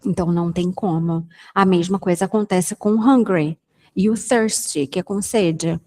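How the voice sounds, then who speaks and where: A woman's voice: on the low side, steady tone, moderate pace, a little mellow. A young Brazilian woman teaching English in a casual online lesson, patiently explaining and repeating examples. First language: Portuguese.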